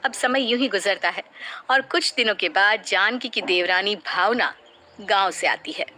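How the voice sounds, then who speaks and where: A woman narrating a cartoon moral story in an even storytelling manner. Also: mid-range voice, moderate pace, a little hiss or hum.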